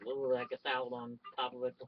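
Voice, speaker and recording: A woman's voice: extremely low pitch, completely flat delivery, fast talker, highs cut off. A woman joining her husband on a home vlog, chatting casually and dropping wry, joking asides. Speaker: host's wife, co-presenter. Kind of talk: casual chat.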